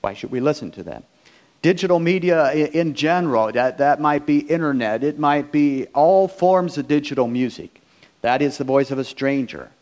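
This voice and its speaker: A man's voice: fairly high pitch, moderate pace, darkish tone. Man preaching a sermon. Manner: reads scripture aloud in King James wording, then preaches in plain talk; repeats and restarts phrases as he goes. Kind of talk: sermon with scripture reading.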